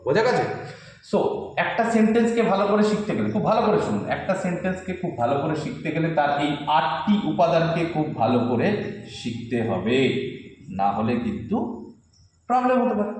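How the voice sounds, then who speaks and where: A man teaching a classroom English grammar lesson, repeating each term and asking quick check-up questions while writing on a board. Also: high-pitched. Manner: repetitive, reassuring, quizzes listeners with quick questions. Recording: very echoey room.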